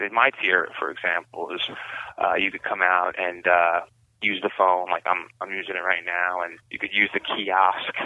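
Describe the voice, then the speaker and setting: Man on a prison payphone: lowish voice, rambling casual update, dry phone-line sound. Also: no echo. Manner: rambling, full of "you know" and "like". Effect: payphone call from prison. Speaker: incarcerated writer calling in.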